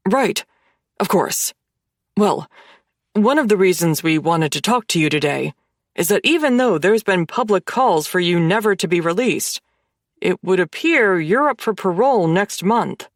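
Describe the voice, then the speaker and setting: A woman's voice: fairly low pitch, lively intonation, measured pace, dry recording, studio quality. A woman voicing a nervous male TV reporter.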